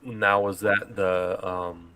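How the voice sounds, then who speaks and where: A man's voice: sits low, level tone, slow, bright, forceful tone, clean tone, no room sound. A man hosting a paranormal chat, asking probing questions and offering theories. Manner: probing questions, speculative explanations. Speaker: host. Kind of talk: casual interview chat.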